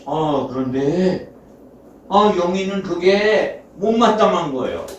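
A woman narrating a children's puppet show, talking slowly and asking the little audience questions. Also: lowish voice, very animated, slight background noise. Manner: slow, sing-song, asking the children questions. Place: large hall at a daycare. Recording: echoey hall, from far off.

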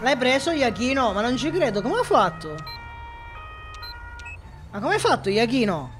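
A man's voice: very high-pitched, sing-song, normal speed, a bit bright, soft background music. A man from Catania with a Sicilian accent, joking and chatting with viewers while streaming a police game. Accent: Sicilian Italian. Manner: playful, joking, talks to chat. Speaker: gaming streamer. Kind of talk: live gameplay commentary.

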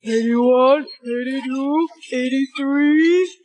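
Earnest, straining young cartoon animal. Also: female voice, high voice, slow, darkish tone, rough recording. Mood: straining, dizzy. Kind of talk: children's cartoon dubbing.

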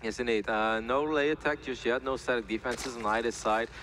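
A male esports caster calling a live match in a quick, chatty, upbeat way. He rattles through the details at a brisk clip. His voice sits in an ordinary middle register. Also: mid-range voice, steady tone, a bit bright. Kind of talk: live game commentary.

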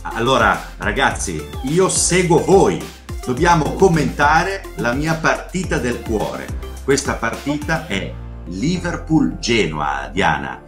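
Animated middle-aged Italian man hosting, music behind. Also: medium pitch, slow pace. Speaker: host commenting on football highlights. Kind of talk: casual chat and informal match commentary. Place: home room, video call. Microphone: computer microphone on a video call.

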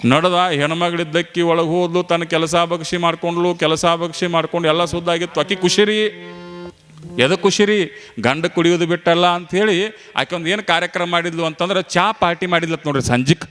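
A man preaching a storytelling sermon, animated and folksy, speaking straight to the audience. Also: a little high, fairly quick, clear, resonant tone, faint music behind.

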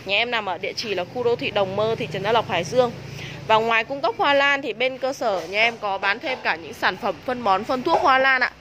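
A woman with a northern Vietnamese accent giving a casual, hard-selling sales pitch as a nursery seller, recorded on a handheld phone. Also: brisk. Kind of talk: casual sales pitch, live product walk-through. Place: covered plant nursery and shop. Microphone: handheld phone behind the camera. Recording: noisy handheld recording with ambient sound.

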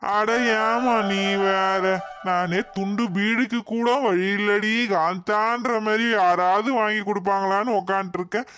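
A man's voice: high-pitched, steady tone, a little slow, a bit bright. A man voicing a poor village man who grumbles and brushes people off. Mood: dismissive. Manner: dismissive, grumbling.

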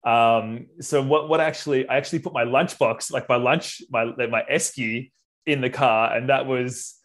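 A middle-aged Australian man, a wedding photographer, telling a story casually and acting out quoted lines, clearing his throat now and then. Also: medium pitch, normal speed. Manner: animated, acts out quotes, frequent clears throat.

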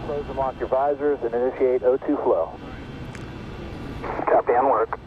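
A man's voice: medium pitch, steady tone, measured pace. A man giving clipped, procedural callouts over crackly two-way radio comms, on a tinny line with faint hiss. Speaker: launch control and crew radio callouts.

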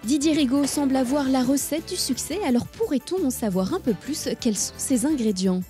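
A woman reading a scripted narration in a smooth, polished voice-over manner and asking interview questions. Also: sits high, animated, normal speed, mellow, soft background music.

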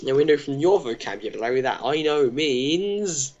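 A man's voice: mid-range voice, expressive, moderate pace, darkish tone, highs cut off. A young man co-hosting a gaming video, goofy and playful, reacting to the game as he plays. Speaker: gaming channel co-host. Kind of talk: casual gameplay chat.

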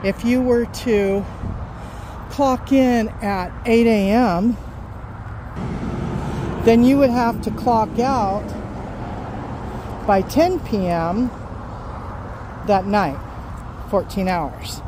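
A middle-aged truck driver walks her dogs and chats on her vlog, rambling and unhurried, with a fairly high voice. She holds her phone as she walks outdoors by a road and parking lot, so the recording picks up traffic noise, passing cars and outdoor ambience.

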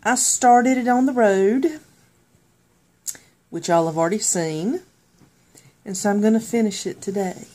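A woman's voice: mid-range voice, unhurried, pauses often, dark tone. A woman, chatting casually to the camera, laughing often. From southern United States. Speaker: vlogger. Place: in a car, then at home indoors. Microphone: phone camera at arm's length.

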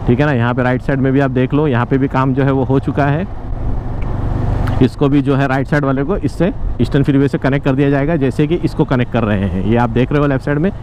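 A man's voice: medium pitch, steady tone, fast. Guy vlogging from his motorbike, chatty explainer voice, bit of traffic noise behind him. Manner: chatty, explains as he goes, keeps asking "theek hai na". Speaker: motovlogger. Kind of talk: casual ride commentary. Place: outdoors on a motorbike by city roadworks.

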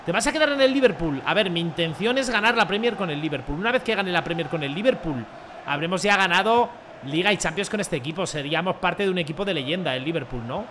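A young man, commentating his football video game with jokes, dramatic rants and sudden shouts. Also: sits high, lively intonation, quick pace, slight background noise. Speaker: gaming streamer.

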